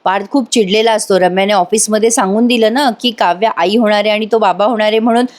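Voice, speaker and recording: A woman's voice: medium pitch, steady tone, fast talker. A woman narrating a voice-over review, retelling a TV serial episode in a chatty storytelling way.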